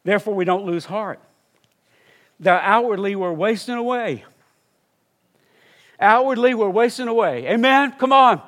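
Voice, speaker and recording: A man's voice: sits high, lively intonation, measured pace, pauses often, a bit bright. Fervent older man preaching a sermon. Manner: storytelling, rising to fervent exclamations. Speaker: missionary preacher.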